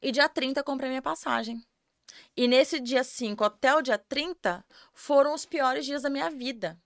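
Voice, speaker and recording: A woman's voice: sits high, normal speed, dry recording, studio quality. Earnest woman sharing a story. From Campo Grande, Brazil. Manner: earnest, open, repeats words for emphasis. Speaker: podcast guest, tanning professional. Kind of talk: candid personal storytelling.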